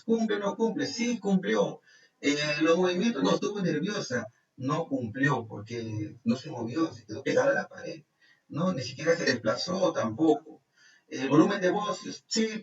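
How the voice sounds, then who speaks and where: A man with a voice on the high side leads a live online workshop from a roomy hall, recorded with distant, dull sound and faint music. He explains step by step, reads criteria aloud, and uses frequent tag questions.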